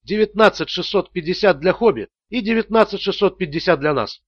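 Man doing a cold menacing tough guy, clipped threats, fairly high voice. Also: lively intonation, brisk, lo-fi sound. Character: cold, ruthless male interrogator, menacing.

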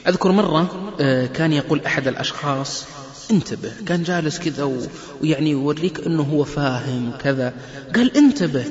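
High-voiced preacher in an echoey hall. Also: male voice, quick pace. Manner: lively storyteller who acts out quoted people. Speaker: lecturer on family life. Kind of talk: religious lecture. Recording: echoey hall, muffled lo-fi lecture recording.

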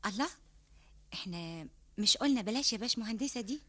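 A woman's voice: mid-range voice, lively intonation, quick pace, bright, forceful tone. An actress with an Egyptian accent playing a cheerful female engineer in a radio drama.

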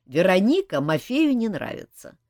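A man's voice: sits high, very animated, normal speed, a little mellow, no echo, clean studio sound, voice pushed up. A woman voicing a wry man at court who jokes and teases. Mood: teasing. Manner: wry, joking. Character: mocking, teasing man at court.

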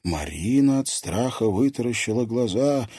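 Man narrating an audiobook, lively. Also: medium pitch, normal speed, breathy edge, no echo, studio quality. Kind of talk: scripted narration.

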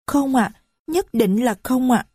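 A woman's voice: expressive, measured pace, warm tone, husky, no echo, clean studio sound, heavily acted. A woman doing a small polite little girl. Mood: innocent. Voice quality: high childish piping voice. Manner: polite, simple answers. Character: small innocent girl, polite and matter-of-fact.

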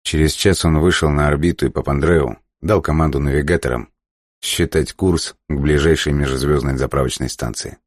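A man reading an audiobook in slow, measured, somber scripted narration. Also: extremely low pitch, steady tone, no room sound, studio quality.

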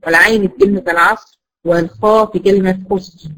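A woman's voice: mid-range voice, fairly even intonation, fast, a bit bright, poor audio. A woman with an Egyptian accent teaching Quran recitation rules in an online class, explaining step by step and often checking that her students follow. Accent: Egyptian Arabic.

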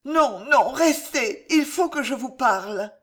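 A woman's voice: high voice, animated, unhurried, pitched above the performer's own voice. A narrator voicing a young noblewoman who pleads, trembling and desperate, in an audiobook reading. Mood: desperate pleading. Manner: pleading, tremulous.

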